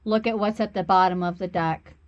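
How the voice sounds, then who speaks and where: A woman working as a spiritual reader and healer, giving an oracle card reading in a slow, earnest, reassuring way. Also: mid-range voice, steady tone.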